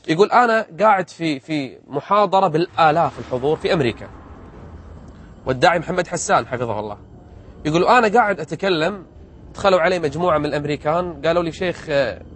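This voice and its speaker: A man's voice: fairly high pitch, a little hiss or hum. A man, an Islamic preacher telling a religious story and retelling its dialogue. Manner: lively, retells dialogue in quotes.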